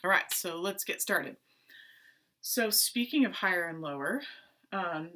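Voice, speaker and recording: Bright-voiced woman teaching kids strings. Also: on the low side. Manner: animated, talks to kids with pretend play and questions. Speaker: music teacher. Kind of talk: playful online lesson for children. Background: violin notes.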